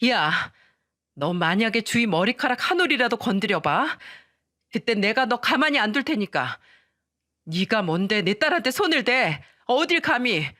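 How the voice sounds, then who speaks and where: A woman's voice: on the low side, lively intonation, normal speed, dry recording, studio quality. A woman voicing a long-suffering mother who turns fierce in defense of her children, in a dramatized radio story. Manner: sharp, scolding outbursts.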